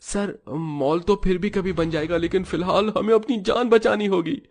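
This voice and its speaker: A man voicing a builder's servile, pushy assistant in an animated story, making polite threats. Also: high voice, normal speed, vocal fry.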